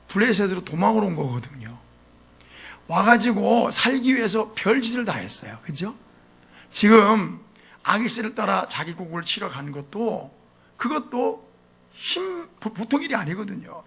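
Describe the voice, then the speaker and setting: Animated raspy Korean pastor preaching. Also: male voice, high-pitched. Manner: animated, asks the congregation questions. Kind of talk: sermon. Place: church sanctuary.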